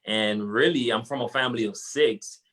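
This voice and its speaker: A man's voice: mid-range voice, normal speed, fairly bright tone, poor audio. A young man from Haiti, a guest entrepreneur, talking casually and earnestly with many fillers and restarts in an interview. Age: young adult.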